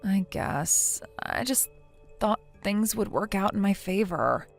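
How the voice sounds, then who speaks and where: A woman's voice: medium pitch, animated, slow pace, gravelly, faint music behind, exaggerated voice. A synthetic woman voicing a whiny, defensive wife. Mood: anxious. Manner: whiny, hesitant. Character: defensive, self-pitying young wife.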